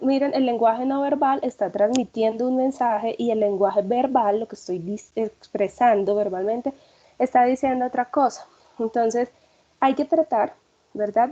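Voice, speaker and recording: Woman running a workshop, chatty with lots of fillers, mellow kinda high voice, dull lo-fi sound. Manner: conversational, frequent fillers and checking questions. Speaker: workshop facilitator. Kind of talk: online workshop talk.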